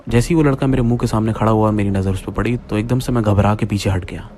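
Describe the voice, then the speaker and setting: A man telling a first-person horror story, often addressing his listeners as friends and pausing for drama. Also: lowish voice, steady tone, warm tone, slight background noise.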